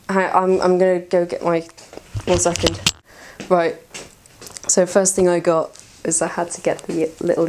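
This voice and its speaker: A woman vlogging in casual chat, tired and hoarse, rambling excitedly, swearing freely and laughing often. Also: on the low side.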